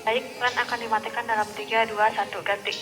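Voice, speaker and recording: A woman's voice: a little high, level tone, fast talker, music in the background. A woman operator heard over a two-way radio, speaking in clipped radio procedure and closing each turn with "over". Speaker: plant operator in a SCADA drill.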